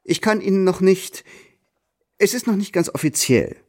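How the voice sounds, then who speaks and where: Snooty french marquis in a radio play, voice climbs high and swings all over. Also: male voice, lively intonation, moderate pace, a little mellow. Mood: haughty. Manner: pompous, sprinkles in French phrases. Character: haughty scheming French marquis, middle-aged man. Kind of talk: radio drama acting.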